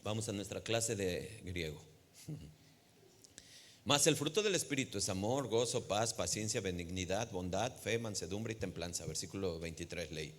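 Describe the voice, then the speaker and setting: A man's voice: lowish voice, fairly bright tone. A man with a Mexican Spanish accent preaching a sermon, teaching and often asking the congregation questions. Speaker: pastor. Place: church. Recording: long hall reverb of a church.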